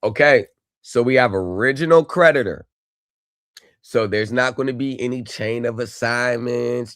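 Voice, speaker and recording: A man's voice: medium pitch, no room sound. Man on dry livestream headset audio. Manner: chatty, addresses viewers directly. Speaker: livestream host reviewing court videos. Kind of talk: casual live commentary to chat.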